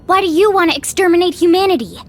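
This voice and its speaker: An anxious, pleading girl in an overacted anime dub. The voice sits extremely high and is openly emotional and earnest. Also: expressive, quick pace. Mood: anguished.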